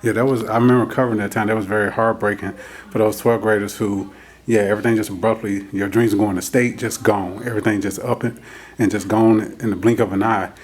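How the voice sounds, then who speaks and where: A man's voice: lowish voice, steady tone, fast talker. Male interviewer, friendly and folksy, newspaper editor talking to students. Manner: friendly, uses y'all, chuckles between questions. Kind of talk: casual interview.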